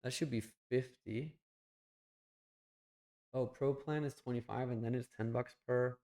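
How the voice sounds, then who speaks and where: A man's voice: mid-range voice, fairly even intonation, a little slow, darkish tone. A young man streaming live, chatting bluntly with some swearing while he thinks aloud and clicks through his screens. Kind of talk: casual live stream chat.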